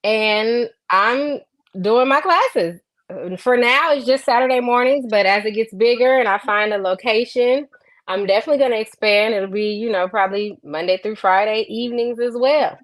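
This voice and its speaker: A woman's voice: a little high, moderate pace, no echo. Chatty laughing woman, dry close sound. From Los Angeles. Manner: chatty, laughs easily, loose relaxed phrasing. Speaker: guest instructor. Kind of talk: casual chat.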